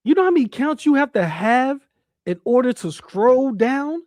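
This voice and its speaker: A woman's voice: sits high, animated, moderate pace, darkish tone, no echo, clean studio sound. A woman giving casual livestream commentary, blunt, incredulous and emphatic, with plenty of swearing.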